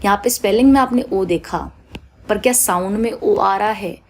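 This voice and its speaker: A woman's voice: mid-range voice, moderate pace, darkish tone, slight background noise. A woman teaching shorthand on a shared screen, patient, repeating each rule and drawing out vowel sounds in her examples. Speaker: stenography teacher.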